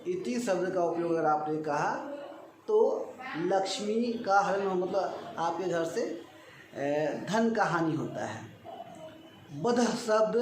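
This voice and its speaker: A man giving devotional instruction, explaining slowly and chanting verses melodically. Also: high voice. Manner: slow, deliberate explaining, chanting Sanskrit verses in melodic recitation. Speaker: religious teacher. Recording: echoey room with faint ambient noise.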